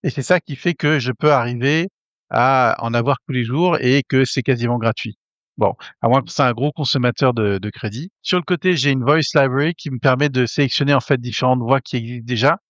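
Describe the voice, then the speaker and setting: A man hosting a casual tutorial, hesitant with many fillers and restarts, getting excited as he talks. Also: medium pitch, brisk, no room sound, muffled recording. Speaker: tech tutorial host. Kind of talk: casual screen-recorded tutorial.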